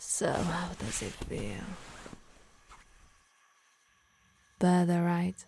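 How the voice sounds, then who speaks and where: An Italian woman voices a possessive yandere harpy in intimate ASMR roleplay, doting on her beloved while quietly controlling her, by turns teasing and menacing. Her mid-range voice is breathy, soft and mellow with a creaky edge, often sinking to whispers, tender yet commanding. A close, dry microphone gives a dry recording.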